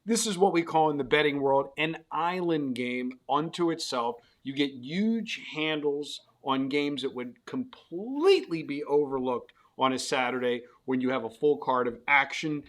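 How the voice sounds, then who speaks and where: A man's voice: fairly high pitch, lively intonation, normal speed, hardly any pauses, a bit bright. A middle-aged man hosting a casual betting chat, rambling and restarting his questions as he talks. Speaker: host. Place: Las Vegas.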